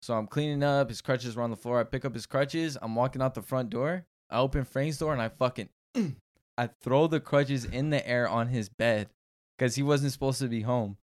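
A man's voice: mid-range voice, normal speed, no room sound. Slangy frat-bro guy, close dry sound. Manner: frat-bro talk, slangy and heavy on swearing. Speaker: podcast co-host. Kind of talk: casual podcast banter among friends.

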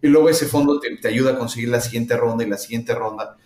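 A middle-aged man from Mexico with a Mexican accent, answering interview questions thoughtfully with many pauses and fillers. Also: medium pitch, darkish tone. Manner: thoughtful, hesitant with frequent fillers. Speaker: startup founder, guest. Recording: roomy echo.

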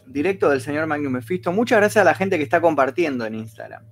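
A man's voice: fairly high pitch, animated, fast talker, slight background noise. A man with an Argentine accent hosts a casual livestream, rambling, reading viewers' stories aloud and thanking donors at length. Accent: Argentine Spanish. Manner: reads viewer messages aloud.

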